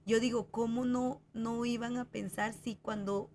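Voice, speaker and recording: A woman's voice: fairly high pitch, fairly even intonation, a little slow, darkish tone, slight background noise. A woman talking in a reflective, conversational way, hesitating with fillers as she works through her thoughts. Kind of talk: conversational podcast talk.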